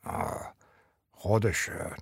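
A man's voice: deep voice, slightly rough, no echo, studio quality, pitched below the performer's own voice. A man voicing an elderly, grieving male survivor in an audiobook, speaking in a bitter, weary, subdued way. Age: older. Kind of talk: audiobook character voice.

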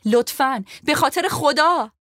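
A woman's voice: mid-range voice, a little mellow, breathy edge, dry recording, clean studio sound, pitched above the performer's own voice. A woman reading an audiobook voices a desperate young woman prisoner who pleads urgently for help for her friend. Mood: pleading. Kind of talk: audiobook character voice.

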